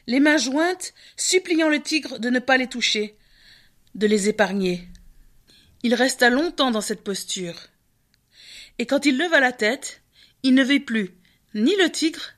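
A woman telling a folk tale in scripted narration. Her voice sits a little high and her delivery is measured and expressive. She paces the story with care.

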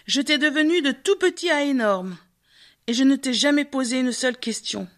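A woman voicing Manu, a wise and earnest man who speaks with anxious, lively feeling in a storybook tale. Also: sits high, moderate pace.

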